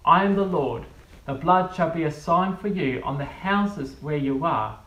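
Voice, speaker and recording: Priest reading in a cathedral echo. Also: male voice, a little high, animated, fairly bright tone. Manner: measured, solemn reading. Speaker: priest leading a service. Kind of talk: liturgical prayer and scripture reading. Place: large church. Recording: echoey church from far off.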